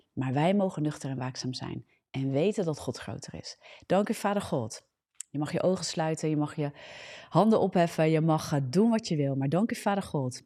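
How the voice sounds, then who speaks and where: A woman with a Dutch accent leading fervent prayer and preaching on a live stream, earnest, her pace rushing and then slowing. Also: low-pitched, mellow. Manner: fervent, earnest, speeds up and slows down by turns.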